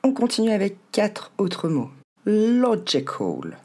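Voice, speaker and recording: A man teaching English pronunciation in a French-language lesson, slowly sounding out model words syllable by syllable. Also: medium pitch, big pitch swings, breathy edge. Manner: slow, drawn-out model words with syllables split apart.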